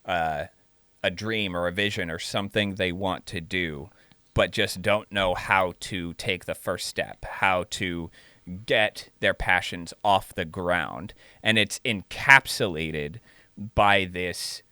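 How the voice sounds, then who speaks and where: Deep-voiced man musing on film. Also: sharp tone, smooth, dry recording. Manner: slow, reflective, drawn-out phrasing. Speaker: podcast co-host. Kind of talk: casual film discussion.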